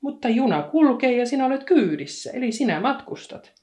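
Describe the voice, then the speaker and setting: A woman's voice: high-pitched, sing-song, darkish tone, voice pushed up. A woman voicing a cheerful, naive little girl who answers in an innocent, matter-of-fact way.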